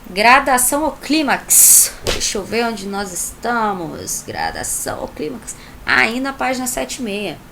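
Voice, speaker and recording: A woman's voice: mid-range voice, gravelly, background noise. A woman teacher with a Brazilian Portuguese accent, recording an online class from home, chatty and explaining with many tag questions.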